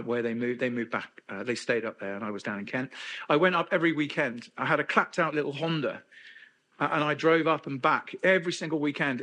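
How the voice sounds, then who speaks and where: A man's voice: fairly high pitch, a bit bright. A middle-aged man from England giving a candid personal testimony at a men's conference, with self-deprecating humor. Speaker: conference speaker.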